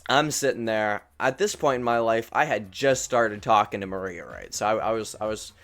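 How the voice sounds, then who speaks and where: A man's voice: fairly low pitch, expressive, normal speed, fairly bright tone. A young man telling a true story in a casual, rambling way, swearing and poking fun at himself. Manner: rambling, profane, self-deprecating.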